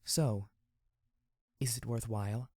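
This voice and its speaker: A man reading an audiobook, voicing a blunt, scrappy young mare who talks in a halting, questioning, informal way. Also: medium pitch, steady tone, a little mellow, husky, no echo, studio quality. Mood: curious, blunt.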